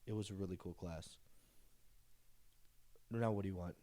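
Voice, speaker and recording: Excitable, swearing young man, lowish voice. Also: moderate pace. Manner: excitable, swears freely, boastful. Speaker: podcast co-host and dungeon master. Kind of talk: casual chat.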